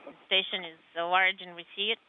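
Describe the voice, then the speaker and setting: A man with a high voice relays a crew's calls as a live interpreter, pausing often as he talks. It comes through a tinny, narrow space-to-ground radio link, like a communicator. A faint hiss sits under it. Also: little pitch movement. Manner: halting, with frequent uh pauses. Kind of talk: live spoken translation.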